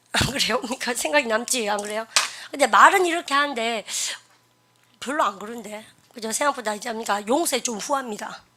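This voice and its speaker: Lady teacher, chatty grammar lecture, makes the class repeat after her, kinda high voice. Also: bright, forceful tone.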